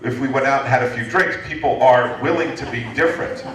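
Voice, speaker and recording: In an echoey lecture hall recorded from afar, a fifty-something American man guest-lecturing on entrepreneurship answers an audience question with animated humor and many restarts. His voice is mid-range and his pace fairly quick.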